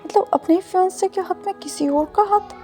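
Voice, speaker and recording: A flustered, lovesick young man who gets worked up easily, played by a woman storyteller. The voice sits high and warm, with faint music in the background. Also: a little fast. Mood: shocked.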